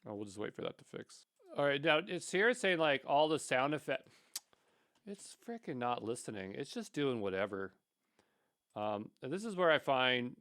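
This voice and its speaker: A man gives an unscripted coding tutorial as the instructor, thinking aloud in a rambling way with mildly exasperated asides. His mid-range voice is a bit bright, recorded with clean studio sound and no room sound.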